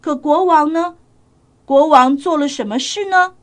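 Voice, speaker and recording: A woman telling a story to children in a gentle, coaxing manner, speaking directly to her young listeners. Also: high voice, a little slow.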